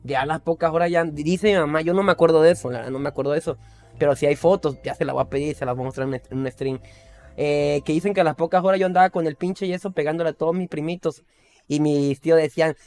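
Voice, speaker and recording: A man's voice: on the high side, fast talker, a little mellow, smooth, soft background music. A man with a Mexican accent in casual chat, rambling through childhood anecdotes with slang and swearing.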